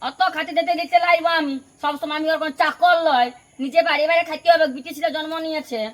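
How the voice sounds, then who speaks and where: A woman's voice: high voice, fairly even intonation, fast, natural voice. A woman with a Purulia Bengali accent playing a quarrelsome young stepmother in a village drama. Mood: defiant. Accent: Purulia Bengali dialect. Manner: sharp, scolding, quarrelsome. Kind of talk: village home drama acting.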